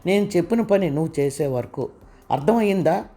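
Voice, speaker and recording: Cruel blackmailer, menacing and bossy, high mellow tone, man reading him. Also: expressive, a little fast. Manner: menacing, commanding. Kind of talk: audiobook character reading.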